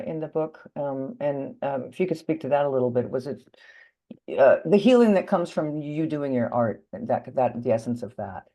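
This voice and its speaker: A woman's voice: low voice, dull audio. A woman hosting an interview who sounds a little tired, chatty and scattered, with many fillers. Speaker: interviewer host. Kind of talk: casual interview talk.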